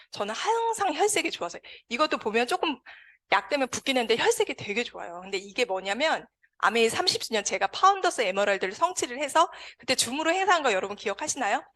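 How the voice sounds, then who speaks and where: A woman speaks to an audience and shares a heartfelt personal testimony. Her fairly high voice swings widely in pitch as she tells the story with feeling. She acts out the quoted dialogue vividly. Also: fairly bright tone. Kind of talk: emotional personal testimony speech.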